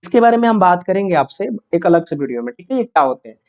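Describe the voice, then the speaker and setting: Talking fast with big swings in pitch, a teacher with a mid-range, slightly mellow voice leads a grammar lesson for exam prep. Questions get asked and answered, key points come up repeatedly, and short check-ins like "है ना" and "yes or no" keep students engaged.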